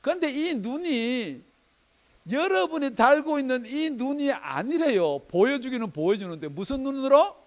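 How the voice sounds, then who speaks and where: Male pastor, church sermon, emphatic, high animated delivery. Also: moderate pace. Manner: emphatic preaching with rhetorical questions and swings in loudness. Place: church sanctuary.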